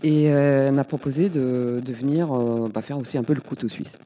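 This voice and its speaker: Parisian-born lady in her 50s chatting on air, mellow voice, lots of "euh", reverby sound. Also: a bass voice, fairly even intonation, a little fast, slight background noise. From Paris, France. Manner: chatty, hesitant with many fillers. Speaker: guest, community space coordinator. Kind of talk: casual radio interview.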